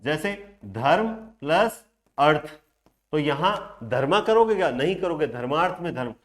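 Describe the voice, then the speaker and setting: A man's voice: fairly high pitch, very animated, measured pace. A man teaching a grammar class online, explaining step by step and answering his own questions aloud.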